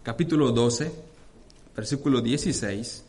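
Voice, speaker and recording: This pastor's voice is a little mellow and moves at a moderate pace as he preaches with fervent energy. He often speaks to the congregation as brothers and reads scripture aloud with dramatic surges in pitch and force.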